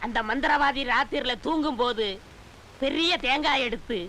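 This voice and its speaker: A sly cowardly disciple. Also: male voice, very high voice, normal speed, pushed and bright, a little hiss or hum. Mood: scheming. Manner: cheeky, wailing when beaten. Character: scheming cowardly male disciple, ex-convict, cheeky. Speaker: sorcerer's disciple. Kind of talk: 1990s film comedy dialogue.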